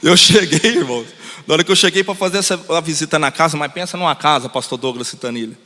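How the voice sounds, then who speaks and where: Male pastor, animated sermon storytelling, sharp tone, long church-hall echo. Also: on the high side, fast talker. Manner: animated storytelling, addresses the congregation. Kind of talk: sermon testimony.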